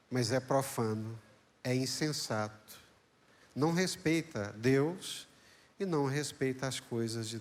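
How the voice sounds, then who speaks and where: A man with a Brazilian Portuguese accent, a pastor preaching a sermon in a dramatic, emphatic way. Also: medium pitch. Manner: dramatic, emphatic, lets his voice rise and fall.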